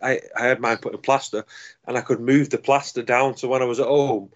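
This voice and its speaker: A man's voice: medium pitch, fairly even intonation, fairly quick, lo-fi sound. A man co-hosting a casual podcast, telling jovial stories and laughing at his own tales. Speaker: podcast co-host.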